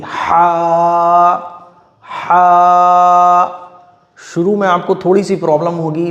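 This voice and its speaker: Patient man teaching slow recitation, echoey room. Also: on the high side. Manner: patient, repeats and draws out each letter sound. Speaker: Quran reading teacher. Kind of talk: step-by-step recitation lesson. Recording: echoey room with long reverb.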